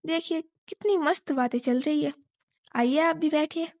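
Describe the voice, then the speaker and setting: A woman's voice: high-pitched, normal speed, darkish tone, no room sound, studio quality. A woman voicing a playful younger sister who teases her elder sister. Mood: teasing. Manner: teasing.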